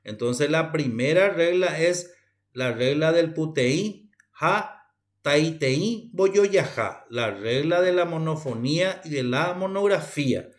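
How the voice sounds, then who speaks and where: Slow, methodical Paraguayan male teacher. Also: a little high, lively intonation. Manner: methodical, repeats key terms, frequent "eh" fillers. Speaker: university language teacher. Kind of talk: recorded lecture.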